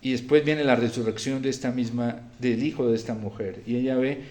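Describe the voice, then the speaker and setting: A man preaching a Sunday homily as a priest, swinging between quiet, grave passages and loud, fervent ones. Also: mid-range voice, steady tone, fairly quick, echoey room. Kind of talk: sermon.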